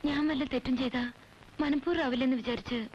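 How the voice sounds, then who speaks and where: A woman's voice: high-pitched, steady tone, brisk, a little mellow, a little hiss or hum, lightly acted. An actress playing a polite young woman raised in Bombay, an outsider who apologizes and slips English words into her speech. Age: young adult. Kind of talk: 1980s film drama. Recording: dull lo-fi film soundtrack.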